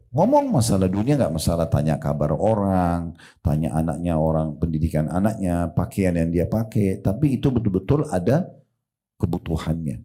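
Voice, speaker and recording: A middle-aged man delivers a religious lecture. His voice is very low, with a dark and mellow tone. He tells stories and often turns to address the women in his audience directly. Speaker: preacher.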